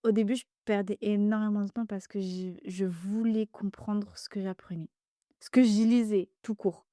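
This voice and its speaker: This podcast guest is a young woman speaking at normal speed in a mid-range voice, with an Arabic dialect as her native tongue. Her casual talk is animated yet hesitant, packed with fillers and restarts, recorded dry at studio quality.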